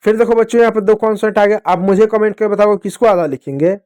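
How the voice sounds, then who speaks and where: Male kids' teacher, high voice, patient, spells each word out letter by letter. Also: darkish tone. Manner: slow, syllable-by-syllable spelling out of words; addresses children fondly as dear kids. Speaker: English teacher for children. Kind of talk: phonics lesson for kids.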